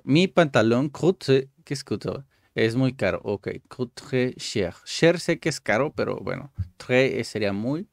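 A man's voice: mid-range voice, lively intonation, measured pace, vocal fry, no room sound, clean studio sound. Chatty man translating app lessons. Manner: chatty, thinks aloud with many fillers. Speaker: channel host playing a language app. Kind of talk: casual commentary with translation.

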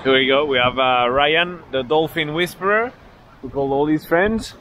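A man's voice: fairly high pitch, normal speed, a little hiss or hum. A man in his thirties with a French accent, talking casually to the camera while sailing at sea. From France. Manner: calm to camera, shouting instructions on deck. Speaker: sailing vlogger. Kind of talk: casual vlog narration and crew calls. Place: open deck of a racing sailboat at sea.

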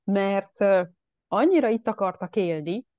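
Woman lecturer on a video call, dark, mellow and lively, lots of fillers, dry muffled sound. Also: medium pitch, dry recording. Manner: chatty, animated, many fillers. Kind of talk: online presentation. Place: at home. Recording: dull lo-fi video call audio.

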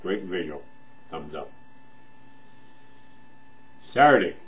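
A man's voice: sits low, expressive, takes it slowly. A man talking with a pipe in his mouth, giving a rambling, friendly weekly review of other people's videos and repeating himself. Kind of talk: casual weekly review vlog.

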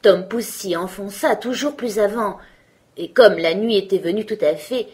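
A woman storyteller reading a fairy tale aloud in a gentle, measured way. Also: mid-range voice, slightly rough.

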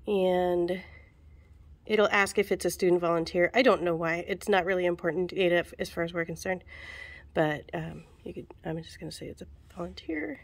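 A book fair volunteer trainer casually walks through the checkout steps at a school register, chatty and full of ums, quick asides and self-corrections. Her voice is fairly low with vocal fry, and this casual how-to was recorded on a phone camera held over the register.

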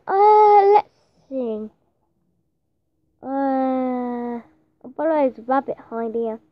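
High, lively, hesitant woman. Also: no room sound. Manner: hesitant and rambling, unsure what to say next. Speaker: gameplay channel host. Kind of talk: casual gameplay commentary. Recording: dull lo-fi dry sound.

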